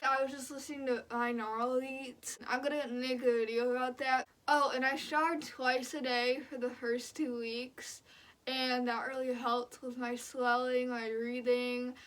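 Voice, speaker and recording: Young woman, high voice, casual vlog chat, blunt, slangy, lots of filler "like". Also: level tone, unhurried, fairly bright tone. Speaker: vlogger. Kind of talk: casual personal vlog recounting.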